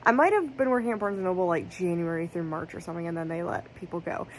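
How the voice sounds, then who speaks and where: Speaking quickly in a lowish voice, a thirtysomething book vlogger rambles through a chatty, casual vlog while tired and congested. She corrects herself and uses fillers such as "like," and the lo-fi phone recording carries faint background noise.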